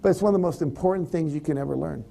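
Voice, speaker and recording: A man's voice: on the high side, rapid-fire, vocal fry, mellow. A man giving a conversational motivational talk to an audience, animatedly acting out example thoughts. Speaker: motivational speaker.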